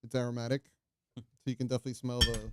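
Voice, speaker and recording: A man as a returning podcast guest, relaxed and teasing, describing a beer's smell. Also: medium pitch, racing, noisy background. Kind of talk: casual chat.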